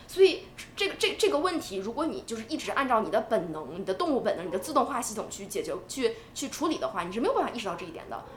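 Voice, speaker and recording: A woman co-hosting a podcast in casual chat, animated and talking in quick bursts with restarts. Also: fairly high pitch, reverberant, slight background noise. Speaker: podcast co-host.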